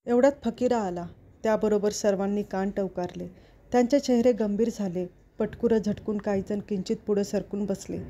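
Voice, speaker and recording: A woman storyteller reading a novel aloud in a steady, expressive literary narration. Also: mid-range voice. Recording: dull lo-fi recording.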